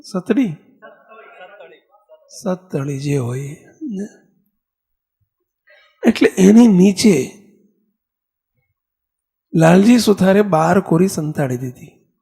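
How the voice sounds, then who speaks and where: A man with a Gujarati accent giving a sermon as a monk, telling a story in an animated way and acting out the characters' lines. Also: sits high, drawn-out words, creaky, pauses often, husky.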